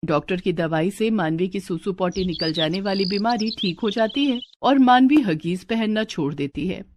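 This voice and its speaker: A woman narrating a scripted cartoon story in an even, matter-of-fact way. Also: medium pitch, normal speed, slight background noise.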